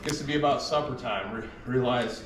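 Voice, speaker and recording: A man's voice: medium pitch, fairly quick, crowd noise. Man telling a story, roomy and distant. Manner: profane, rambling, acts out quoted lines. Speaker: man recounting a police visit. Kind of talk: casual storytelling to camera. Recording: roomy, distant, noisy video clip.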